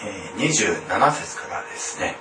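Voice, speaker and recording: A man preaching a sermon in a formal, measured way, often pausing on hesitant fillers. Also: on the low side, expressive. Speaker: pastor. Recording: echoey room, distant mic, faint noise.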